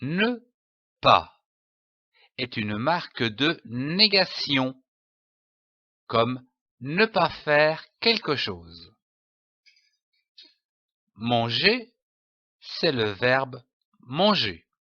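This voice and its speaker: Man, reading teacher, sounds out syllables very slowly with a bright tone and a dry, somewhat dull recording. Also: medium pitch, big pitch swings, dry recording. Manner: spells out letters and sounds deliberately. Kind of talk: slow syllable-by-syllable reading lesson.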